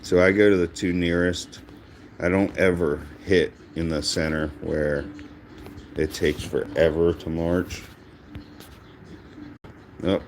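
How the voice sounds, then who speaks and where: A man giving casual, self-mocking commentary over a mobile strategy game he is playing, in a dry, monotone way. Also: low voice, slow pace, pauses often, a little hiss or hum. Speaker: gaming channel host.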